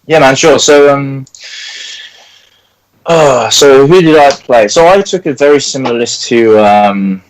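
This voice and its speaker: A man's voice: medium pitch, unhurried, a little hiss or hum, low-quality recording. A man co-hosting a casual live chat in an easygoing, laid-back way. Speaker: co-host and tabletop player.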